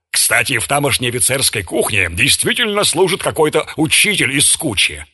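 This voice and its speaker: A man's voice: medium pitch, sharp tone, breathy edge, exaggerated voice. A man voicing a jovial, gluttonous army chaplain who lectures pompously. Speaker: military chaplain.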